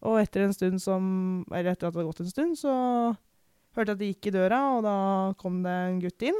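A young woman from Norway giving a candid, reflective personal account in conversation, pausing and restarting often. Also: mid-range voice, mellow, clear, resonant tone, no room sound, studio quality. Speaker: podcast guest.

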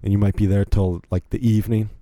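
Fast and warm, the lowish voice of a young Virginian solo podcaster shows little pitch movement. His casual rambling is full of restarts and self-mocking remarks, recorded at studio quality without echo.

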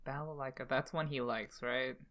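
A woman's voice: rumbling low, steady tone, moderate pace, a bit bright. A woman chatting casually as a player in a dating guessing game, with a playful, giggly manner. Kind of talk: casual game chat in character.

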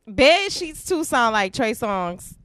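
Animated, slangy woman co-host. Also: slow, smooth, dry recording, studio quality. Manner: animated, slangy, acts out quotes with big pitch jumps. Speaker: podcast co-host. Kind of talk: casual chat.

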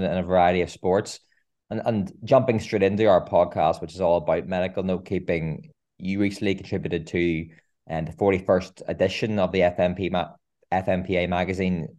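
A man with a low, darkish voice hosts a podcast, reading scripted introductions and asking a guest interview questions.

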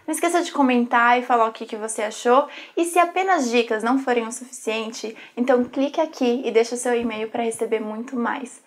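A woman's voice: on the high side, brisk, few pauses. A woman from Brazil hosting an English lesson channel, chatty and upbeat, introducing the lesson and a guest teacher. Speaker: channel host. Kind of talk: casual video lesson.

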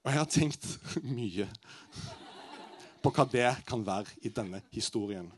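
A man's voice: on the low side, animated, slight background noise. Stavanger-accented man doing stand-up. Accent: Stavanger dialect. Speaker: comedian. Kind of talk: stand-up storytelling.

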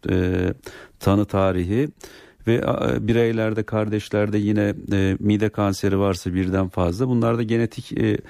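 A man's voice: on the low side, little pitch movement, moderate pace, vocal fry, dark tone, no echo, studio quality. A man speaking as a doctor, explaining medical advice to callers on a radio show. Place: radio studio.

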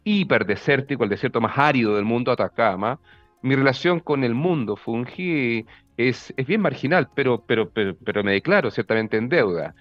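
A man's voice: mid-range voice, lively intonation, moderate pace, no echo, muffled recording, faint music behind. A man with a Chilean accent hosting an interview, asking long rambling questions full of restarts. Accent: Chilean Spanish. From northern Chile. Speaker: interviewer, host.

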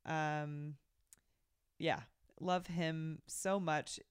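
A woman podcast host chatting casually with a friend, her voice low for a woman, smooth and clear. She sounds relaxed and affectionate and laughs often. The sound is dry and close, with no room around it. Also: extremely slow, no echo. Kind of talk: casual chat.

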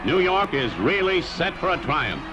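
A man's voice: fairly high pitch, sing-song, moderate pace, muffled recording, background noise. A man narrating a 1940s newsreel in a punchy, declamatory announcer style, played back from an old newsreel soundtrack. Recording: old newsreel with loud band music. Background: loud music.

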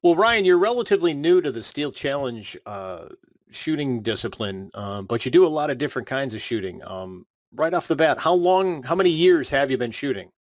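An older man from Buffalo, New York, hosting a casual podcast chat with lots of relaxed "uh" fillers. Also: mid-range voice, normal speed, dry recording. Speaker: podcast host.

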